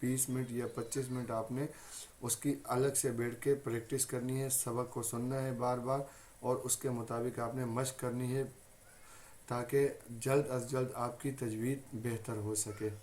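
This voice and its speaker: A man's voice: mid-range voice, level tone, unhurried, a little mellow, slight background noise. A man with a Pakistani Urdu accent teaching a Quran recitation lesson, patiently repeating each point and saying letters aloud as examples.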